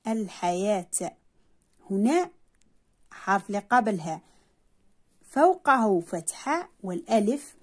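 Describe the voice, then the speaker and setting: A woman teacher walks young pupils through a lesson. Her voice is fairly high but dark and husky. She talks patiently and stretches out sounds and words to show how they are said. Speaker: primary school teacher. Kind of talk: explaining a lesson.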